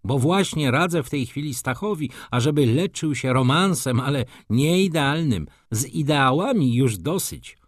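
A man's voice: medium pitch, animated, normal speed, hardly any pauses, no echo, studio quality, pitched above the performer's own voice, natural voice. A man voicing a cynical middle-aged doctor who teases his friends in a sardonic, expansive way, in an audiobook. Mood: mocking.

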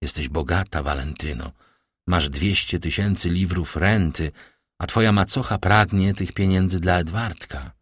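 A man's voice: sits low, moderate pace, breathy edge, no room sound, clean studio sound. A man reading aloud as a grave, fatherly nobleman, speaking in a solemn, reassuring way.

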